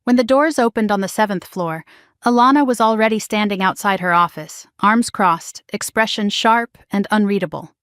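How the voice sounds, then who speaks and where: A woman in a mid-range voice narrates a first-person suspense story in a steady, dramatic way. Her delivery is scripted and even. The sound is dry and close, with no room echo. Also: medium pitch, normal speed.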